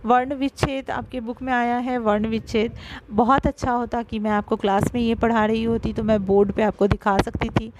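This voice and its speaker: A fairly high-voiced woman teacher walks her pupils through a grammar lesson. She explains patiently, speaks to them directly and slows down to break sounds apart. The recording has clear background noise. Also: little pitch movement. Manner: explanatory, addresses pupils directly, stresses syllables slowly.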